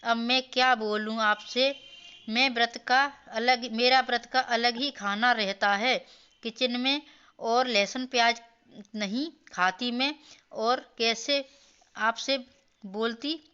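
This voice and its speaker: A woman's voice: fairly high pitch, fairly even intonation, takes it slowly, sharp tone, smooth, highs cut off. A woman voicing a demanding young new daughter-in-law in a cartoon story, with a wheedling way of asking. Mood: pleading. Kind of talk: storybook voice acting.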